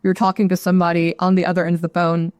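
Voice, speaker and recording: A woman, an actuary guest in an interview, explaining her points in a measured way and often adding "right?". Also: on the low side, completely flat delivery, a little mellow, no room sound, clean studio sound. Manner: measured, explanatory, adds tag questions. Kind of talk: interview answer.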